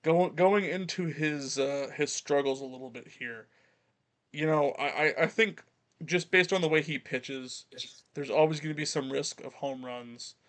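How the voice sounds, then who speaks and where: A man's voice: on the high side, measured pace, fairly bright tone. A young man co-hosting a baseball podcast, chatting casually, reeling off stats and poking fun at himself. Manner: chatty, self-deprecating, rattles off stats. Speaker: podcast co-host. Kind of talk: casual sports podcast chat.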